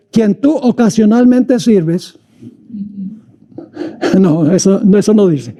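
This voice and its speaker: A man preaching a sermon, reading long scripture passages and drawing out the quoted lines slowly. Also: very high-pitched, dark tone. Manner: slows and stretches words when reading quoted lines aloud. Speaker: pastor.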